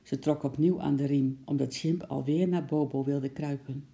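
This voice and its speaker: Storybook reader, gravelly tone, deep dark timbre, calm even reading. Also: moderate pace. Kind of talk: reading a children's storybook aloud.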